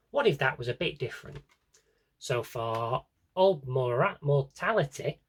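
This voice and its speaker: This British vlogger's fairly high, slightly rough voice wanders casually as he presents his audio drama CDs. He rambles, corrects himself and tosses out offhand, dry remarks without a script.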